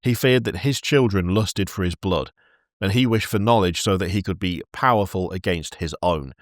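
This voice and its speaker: A man with a fairly low voice retells lore on a podcast in a loose, chatty way, often breaking into giggles mid-sentence and restarting his phrases. The sound is close and dry. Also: moderate pace, no echo. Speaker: podcast host narrating lore. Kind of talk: casual lore narration with chat.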